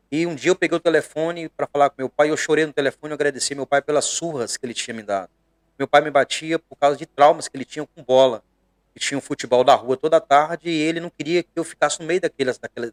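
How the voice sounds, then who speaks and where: A middle-aged pastor from Bahia, with a Brazilian accent, preaches conversationally on a podcast in an earnest, emphatic way, often pausing to hesitate. His voice is fairly high-pitched, with no room sound.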